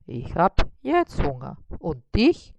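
A woman reading a storybook aloud and voicing a large, hungry male spider in a low, grumbling voice. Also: wildly swooping pitch, slow, gravelly, a little mellow, no echo, exaggerated voice. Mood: matter-of-fact.

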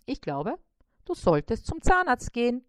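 A woman's voice: a little high, big pitch swings, a little slow, clear, resonant tone, dry recording, clean studio sound, voice pushed up. A woman doing a smug, teasing little critter. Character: small cheeky male critter, gloating and boastful.

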